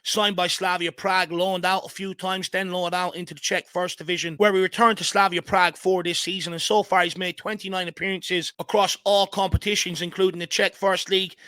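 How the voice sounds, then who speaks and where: A man's voice: high-pitched, little pitch movement, fairly quick, hardly any pauses, sharp tone, no echo. An Irish man hosting a football fan channel, giving opinionated, analytical commentary to his viewers.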